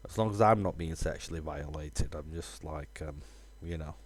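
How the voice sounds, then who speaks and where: A man streaming a game, talking casually in a rambling, halting way with lots of fillers. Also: a bass voice. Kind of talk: casual live-stream chat.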